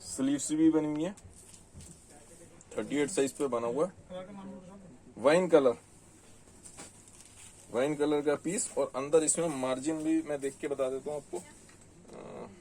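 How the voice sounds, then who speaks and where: A man's voice: a little high, steady tone, measured pace, long pauses, darkish tone, far from the mic, a little hiss or hum, poor audio. Chatty shopkeeper man, Delhi Hindi. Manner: chatty, reads out prices and sizes. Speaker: saree shop owner selling online. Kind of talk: casual sales talk showing garments. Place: shop in Delhi.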